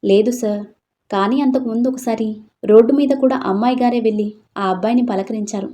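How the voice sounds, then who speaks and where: A woman's voice: on the high side, steady tone, brisk, mellow, lightly acted. A woman voicing a respectful male informer reporting to his boss in a storybook reading. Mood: deferential.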